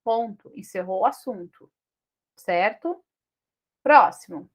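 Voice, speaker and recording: A woman teacher with a Brazilian accent giving a lesson on punctuation, checking in with listeners through frequent tag questions and reading example sentences slowly. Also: medium pitch, expressive. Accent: Brazilian Portuguese.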